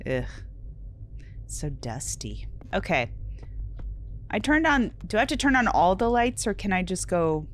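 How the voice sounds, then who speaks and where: A woman's voice: lowish voice, very animated, moderate pace, slight background noise. A young woman playing a horror game, talking to herself nervously, swearing, and dropping to whispers when scared. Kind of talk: let's play commentary.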